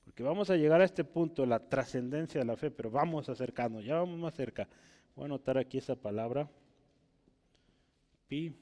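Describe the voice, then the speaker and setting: Male preacher, teaching sermon, emphatic rising peaks, mid pitch, church hall with long reverb. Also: fairly quick, mellow. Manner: rises to emphatic peaks on quotes and key words, frequent "¿verdad?" checks.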